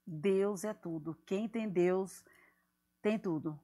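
A woman's voice: medium pitch, slow pace. Laughing woman pastor telling stories. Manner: animated, laughs often, acts out what people said. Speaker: pastor being interviewed. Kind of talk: casual church interview, storytelling.

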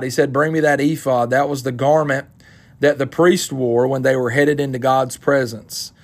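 A man's voice: mid-range voice, creaky, a little mellow. A man preaching a sermon, earnest and repeating phrases for emphasis.

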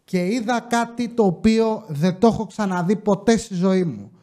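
Male podcast host, high-ish voice, casual storyteller, acts out dialogue with lively energy. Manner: animated, acts out quoted dialogue.

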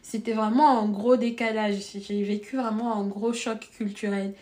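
A young woman with a French-tinged Congolese accent speaks at a normal pace in a fairly high voice, telling a personal story as a podcast guest. Her tone is earnest and reflective, becoming animated as she recounts.

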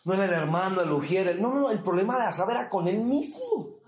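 A man in his forties preaching a sermon, shifting between fervent shouted exhortations and quieter personal storytelling. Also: sits high, sing-song, fast talker. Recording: echoey church room.

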